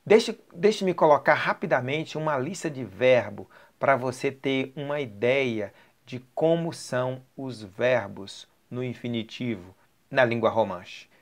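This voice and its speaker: A man with a Brazilian Portuguese accent teaching an online language lesson, explaining slowly and checking in with the listener as he goes. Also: mid-range voice. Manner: slow, explanatory, checks in with "ok?" and "certo?".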